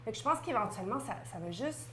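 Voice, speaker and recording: A woman in a casual panel discussion, speaking in a measured, reflective way. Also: on the high side, animated, a bit bright, slight background noise. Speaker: panel guest. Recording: echoey room.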